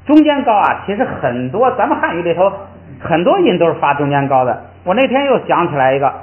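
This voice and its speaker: An older male teacher explains pronunciation with a lively, swooping voice that rises and falls as he acts out each tone. He sits a little high for a man. The sound is thin and phone-like, with a noticeable room echo around him. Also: brisk. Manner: demonstrates tones by drawing out and repeating syllables. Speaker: Tibetan language teacher. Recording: tinny, echoey room sound.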